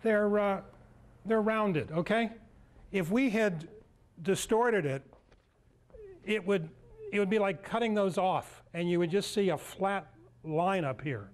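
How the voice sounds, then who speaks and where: In a meeting room, an American man in his sixties gives an informal, halting demonstration talk, thinking aloud as he presents. His voice sits high.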